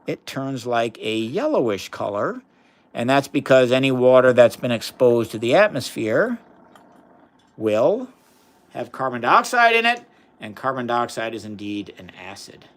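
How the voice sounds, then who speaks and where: A man's voice: mid-range voice, very animated, measured pace. A man hosting a live chemistry demonstration, explaining experiments casually and enthusiastically while reading viewer chat aloud. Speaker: science livestream host.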